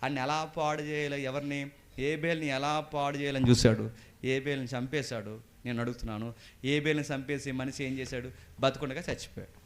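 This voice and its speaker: A man preaching a sermon as pastor, fervent, swinging from loud outbursts to low asides and questioning the congregation. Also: steady tone, fairly quick. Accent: Telugu.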